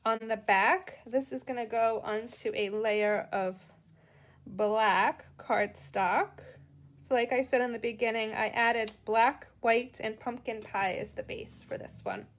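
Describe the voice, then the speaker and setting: A woman's voice: a little high, fairly even intonation, unhurried. A middle-aged woman with a Boston accent, chatting through a live card-making tutorial and greeting viewers as she works.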